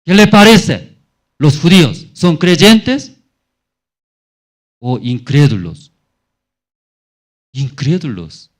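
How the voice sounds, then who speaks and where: The speaker is a pastor delivering a call-and-response Sunday sermon at church, his voice a little high. He speaks slowly but with liveliness, firing lots of questions at the congregation.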